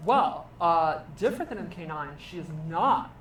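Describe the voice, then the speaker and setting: A man's voice: on the high side, lively intonation, normal speed, a bit bright. A man on a show panel, earnestly explaining his view of a game character. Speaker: panelist on a played web show. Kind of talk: enthusiastic analysis. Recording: roomy video audio with background noise.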